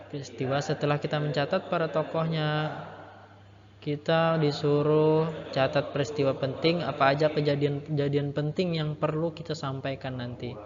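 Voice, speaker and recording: A man teaching a lesson, explaining step by step with patient repetition and a habit of ending phrases with a soft "ya". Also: a little high. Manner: explains patiently, repeats key points, ends phrases with "ya". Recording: muffled, roomy with long reverb and crowd behind.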